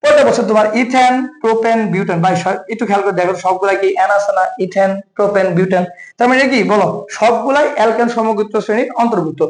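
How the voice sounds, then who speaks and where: A man's voice: high-pitched, fast, reverberant, rough recording. A man with a Bangladeshi Bengali accent teaching an exam-prep chemistry lesson, quizzing the listener with questions and then answering them himself, and calling the viewer brother. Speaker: chemistry tutor.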